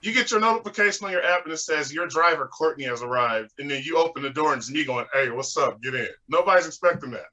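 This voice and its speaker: Texan guy doing standup on a zoom call, chill and chatty, bright voice. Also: a little high, expressive, fast talker, few pauses, muffled recording. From Texas. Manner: laid-back, chatty, laughs at his own jokes. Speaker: stand-up comedian. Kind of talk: stand-up set on a video call. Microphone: video call.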